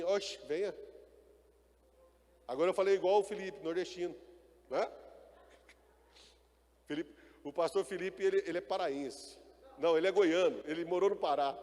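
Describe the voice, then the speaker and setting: A man preaching a sermon in a hall with long, trailing reverb. His voice sits somewhat high, and he calls for answers from the congregation before surging into loud, emphatic lines. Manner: preaching with call-and-response and rising emphatic bursts. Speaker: pastor.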